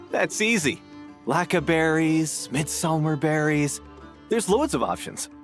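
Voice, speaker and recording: A woman's voice: sits low, lively intonation, slow, soft background music, full character voice. A woman voicing a casual, confident quiz attendee in an anime fantasy game. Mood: casual, musing.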